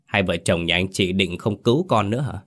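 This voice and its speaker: A man's voice: sits low, brisk, a bit bright. A man voicing an impatient middle-aged exorcist master who scolds a frightened couple. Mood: scolding.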